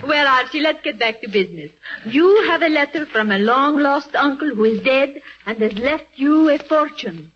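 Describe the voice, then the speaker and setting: Mysterious fortune teller, high swooping voice, portentous, dry, vintage radio comedy, muffled. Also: female voice, lively intonation, normal speed, fairly bright tone. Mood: dry, knowing. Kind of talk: 1940s radio comedy acting. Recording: muffled old radio broadcast, faint noise.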